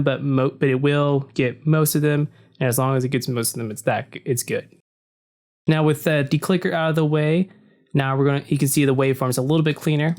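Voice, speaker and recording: This tutorial narrator is a deep-voiced man giving a casual screen-recording walkthrough in a relaxed, explanatory way, with lots of "so" and "uh". He records in a home room without soundproofing, using a desk mic aimed at his computer screen.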